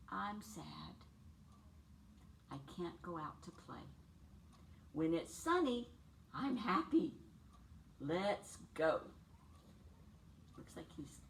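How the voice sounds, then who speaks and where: This woman in her sixties has a lowish voice as she reads a picture book to young children, keeping her phrasing simple and deliberate and posing questions to them. Faint background noise comes through the distant mic.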